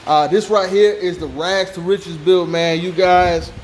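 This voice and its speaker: An American man talks casually to his viewers as host of a car-build vlog. His voice sits slightly high for a man. There is some fan noise behind him, as in a working garage. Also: fairly even intonation, unhurried. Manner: informal, repeats "you know what I'm saying". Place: hot car workshop with fan running.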